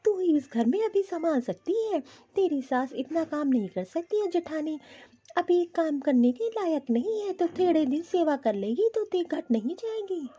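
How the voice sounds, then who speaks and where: Woman playing a preachy cartoon mother, lecturing, mellow tone, animated pitch. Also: normal speed, lo-fi sound. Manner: lecturing, moralizing. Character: middle-aged mother, calm and preachy.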